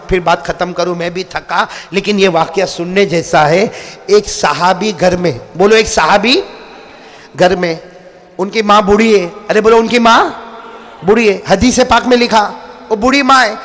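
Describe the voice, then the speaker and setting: A male preacher delivering an impassioned sermon, often shouting and urging the crowd to respond. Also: high-pitched. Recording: long hall reverb.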